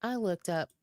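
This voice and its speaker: A woman's voice: medium pitch, a little mellow, no echo, studio quality. A woman with a Southern US accent chatting casually on a live stream, rambling and self-deprecating. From American South. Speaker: streamer host.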